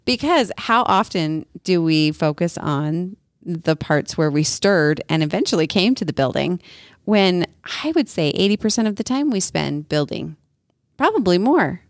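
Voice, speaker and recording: A woman in her thirties co-hosting a podcast, telling a family story in a casual, animated way. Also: lowish voice, a little slow, no room sound, clean studio sound. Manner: animated, acts out family members' voices in her retelling. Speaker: podcast co-host.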